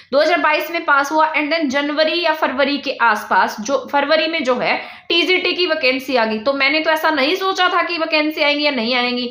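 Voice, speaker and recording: A woman's voice: high-pitched, pushed and bright, roomy sound. A young woman from India, teaching an exam-prep lesson and drilling points by asking and answering her own questions.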